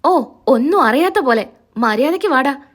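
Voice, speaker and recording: A woman's voice: high-pitched, lively intonation, normal speed. A woman reading the lines of a stern male police officer who curtly orders people about.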